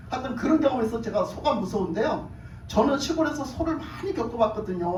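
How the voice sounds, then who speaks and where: A pastor preaching a sermon, telling a personal story in a lively, colloquial way that flares into excitement. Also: male voice, sits high. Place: church sanctuary. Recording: roomy church hall, far from the mic, faint background noise.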